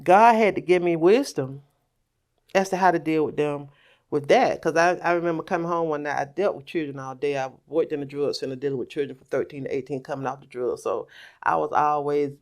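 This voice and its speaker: A middle-aged woman telling a personal story on a podcast, animated, acting out quoted voices. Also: low-pitched, brisk. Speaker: podcast guest. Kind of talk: casual storytelling.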